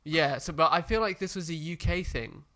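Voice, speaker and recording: A man co-hosting a podcast, talking in a loose, rambling way full of ums and restarts. His voice is bright and forward, with a smooth, clean timbre. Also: a little high, brisk. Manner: rambling, hesitant, full of fillers. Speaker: podcast co-host. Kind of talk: casual chat.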